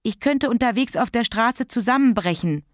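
A woman's voice: on the high side, expressive, moderate pace, dry recording, clean studio sound, voice pushed up, close to an everyday voice. A woman voicing a dramatic, whiny little girl who pleads and exaggerates. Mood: whining.

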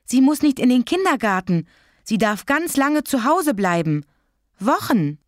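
Reader voicing a high-pitched, bouncy little girl, whiny and dramatic, dry close sound. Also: lively intonation, normal speed, no room sound, close to an everyday voice. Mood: excited. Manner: eager, pleading, dramatic.

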